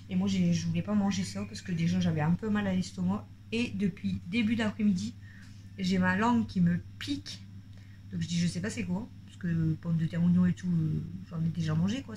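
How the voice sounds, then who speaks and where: A woman chatting on in a casual home vlog, rambling, talkative and excitable. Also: fairly low pitch, slight background noise. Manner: rambling and talkative, jumps between topics; excitable, voice jumps up when worked up. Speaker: family vlogger.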